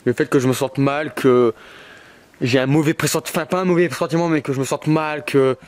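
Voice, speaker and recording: In a solo paranormal vlog, a man wanders a derelict brickworks, nervously musing aloud with many fillers and now and then shouting to the spirits. He speaks fairly fast with a fairly high, fairly even voice, captured with no room sound on a portable recorder, headphones on.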